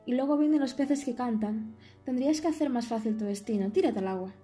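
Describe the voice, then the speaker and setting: A woman's voice: fairly high pitch, brisk, warm tone, faint music behind, natural voice. A woman voicing squealing gossipy sea waves. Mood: mocking. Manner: squealing, melodramatic, chattering. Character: pair of mocking, gossipy, theatrical sea waves. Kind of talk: audiobook character voice.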